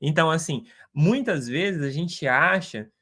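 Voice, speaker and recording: A man's voice: on the high side, animated, measured pace, bright, forceful tone. A man giving an informal Bible lesson, talking conversationally, repeating phrases and checking in with tag questions. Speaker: Bible teacher.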